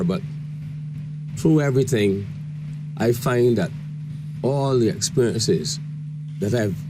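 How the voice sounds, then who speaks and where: A man's voice: fairly low pitch, rough recording. An older man with a Barbadian accent, a guest on a call-in radio show, talking reflectively and reciting his own verse. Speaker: guest poet.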